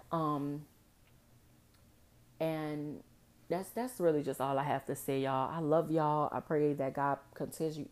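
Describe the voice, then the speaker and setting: A young woman talks straight into her podcast mic, her voice a touch low and mellow. She vents with fierce, profane frustration that edges toward tears, speaking as host of her own show. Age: young adult. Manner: impassioned, frustrated venting with profanity; emotional, near tears. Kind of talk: personal podcast monologue.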